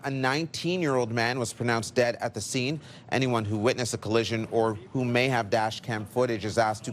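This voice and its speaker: Canadian male news anchor, faint background noise. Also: mid-range voice. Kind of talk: scripted news narration.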